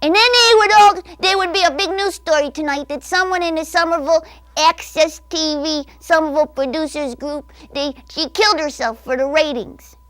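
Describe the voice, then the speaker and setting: A woman's voice: moderate pace, fairly bright tone, no echo. A woman voicing her own bored, whiny little-girl inner child in a live improvised comedy bit from a TV studio. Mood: dramatic sulk. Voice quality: childlike, high and petulant. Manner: rambling, attention-seeking, complaining. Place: cable access TV studio.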